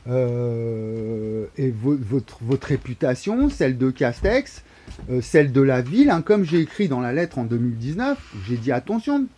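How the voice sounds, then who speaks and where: Inside a wooden shed or barn, a man with a warm, medium-pitched voice vlogs into a phone camera held low at arm's length, with slight background noise. He rambles, repeating words and stacking fillers, with sudden emphatic bursts.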